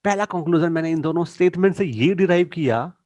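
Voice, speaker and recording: A middle-aged male teacher giving a lesson to students, mixing two languages and stressing key English phrases slowly. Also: a little high, darkish tone, dry recording. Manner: mixes Hindi and English, addresses students directly.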